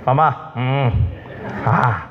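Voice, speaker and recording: A man's voice: mid-range voice, very slow, slight background noise. A man with a Manado Malay accent preaching a humorous sermon, joking and quizzing the congregation with call-and-response questions. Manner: joking, animated, keeps addressing the congregation. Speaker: pastor. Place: church hall. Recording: dull sound with long hall reverb.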